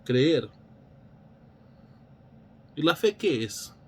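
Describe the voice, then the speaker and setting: A man's voice: a little high, big pitch swings, very slow, husky. A man teaching a Bible study in a preacherly way, asking rhetorical questions and often restarting his phrases.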